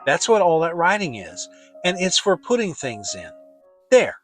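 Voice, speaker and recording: Simple-hearted bear for a storybook, played by a man: friendly, keen, pitched up, very animated. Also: normal speed, soft background music. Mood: eager. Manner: bright, eager delivery. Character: cheerful, kindly bear, eager and simple-hearted.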